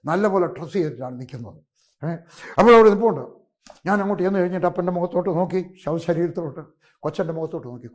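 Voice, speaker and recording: An older man with a Keralite Malayalam accent, a pastor telling a personal story in a sermon, moving between loud exclamations and hushed asides. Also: sits high.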